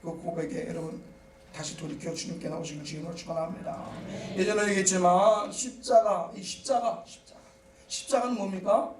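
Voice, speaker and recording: A man preaches in a very high, ringing voice, pushing into shouts and firing off rhetorical questions. He is heard in an echoey church hall, a little way off the mic, with faint noise behind him. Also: brisk, far from the mic. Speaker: pastor. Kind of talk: sermon. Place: church sanctuary.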